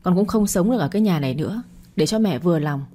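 A frustrated young son, put on by a woman narrator speaks loudly and defiantly. The voice is mellow and husky. It belongs to a spoken audio story. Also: on the low side, expressive, quick pace. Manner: loud, rebellious.

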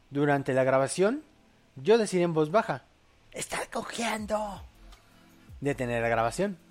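A man's voice: on the high side, a little mellow. Crude joking young man host. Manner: crude, joking, laughs often, reads posts aloud. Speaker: podcast host reading audience posts. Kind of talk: casual late-night live show chat.

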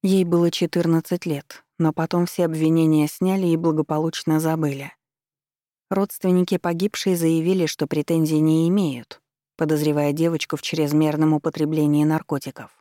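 A woman reads a novel aloud in an even, measured way. Her voice sits low and mellow. The recording is dry and close, with no room sound. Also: no room sound. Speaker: audiobook narrator. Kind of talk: scripted narration.

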